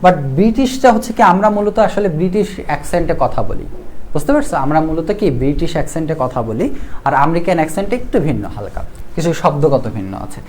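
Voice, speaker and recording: A man's voice: on the high side, expressive, fairly quick, a little mellow, slight background noise. A man with a Bangladeshi Bengali accent, teaching English grammar in a live online class. He asks the class questions, answers them himself, reads out viewer comments and repeats key rules.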